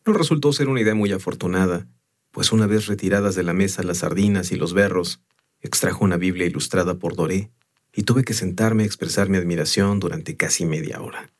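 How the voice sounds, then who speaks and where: Deep-voiced male audiobook narrator. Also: brisk. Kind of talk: first-person storytelling narration.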